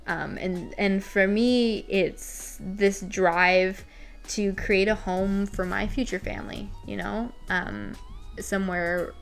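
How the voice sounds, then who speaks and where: This twenty-something vlogger has a gravelly, medium-pitched voice. She reads her old journal aloud at home with a ring light set up, commenting as she goes. Her talk to camera is casual and confessional, with a candid, self-deprecating edge.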